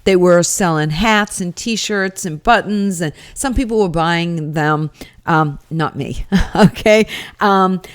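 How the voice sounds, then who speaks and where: A woman giving a casual, first-person recap in a chatty, opinionated and wry manner, like someone sharing her impressions. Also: mid-range voice. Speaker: rally attendee giving commentary.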